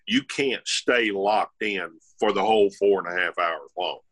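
A man's voice: deep voice, unhurried, fairly bright tone, slightly rough. An older man, a former tour golfer co-hosting a podcast, talking bluntly and instructively. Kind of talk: casual chat.

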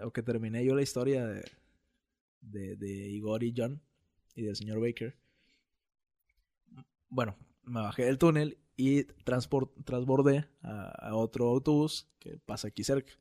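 Animated northern Mexican man telling a story. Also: mid-range voice, a little slow. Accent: northern Mexican, Monterrey. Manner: animated storyteller, laughs often. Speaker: podcast host. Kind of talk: casual chat, storytelling.

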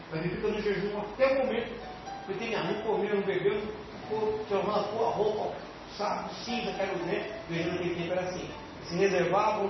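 A Brazilian pastor preaching with fervor, swinging between loud exhortation and quiet, pointed asides. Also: male voice, high voice, background noise. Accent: Brazilian Portuguese. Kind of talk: sermon. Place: church. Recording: echoey church hall, distant mic, dull sound, music behind. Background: music.

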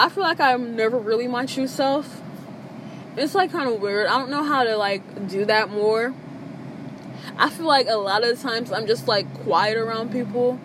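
A woman's voice: fairly high pitch, background noise. A teenage girl vlogging from a parked car, chatty and self-deprecating, with lots of fillers. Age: teens. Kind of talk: rambling casual vlog chat. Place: parked car in a public lot. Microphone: phone.

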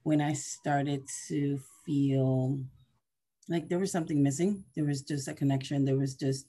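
This podcast guest, a herbalist teacher in her forties, talks in a low, unhurried voice, telling casual stories with lots of expression. She repeats words and acts out quotes. She's from Venezuela and has lived in New Jersey since age eleven.

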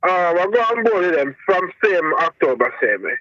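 A man's voice: sits high, sing-song, normal speed, pushed and bright, dry recording. A middle-aged man with a thick Jamaican accent, chatting casually over the phone. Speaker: company truck driver being interviewed. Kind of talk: casual conversation. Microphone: phone call. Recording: muffled, band-limited phone line.

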